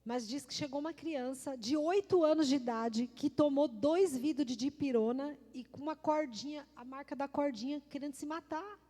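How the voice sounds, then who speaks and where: A woman's voice: sits high, normal speed, few pauses, mellow. A middle-aged woman pastor, preaching emphatically, repeating key words and calling on the congregation. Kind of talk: sermon. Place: church. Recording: long reverb of a church hall.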